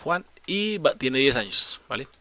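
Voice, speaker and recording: Male tutor with a bright voice for a screen-recorded coding lesson. He walks through each step, poses questions and answers them himself, with keyboard typing behind. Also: mid-range voice, sing-song, a little slow, no echo. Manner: explains step by step, asks and answers his own questions, corrects slips. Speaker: programming teacher.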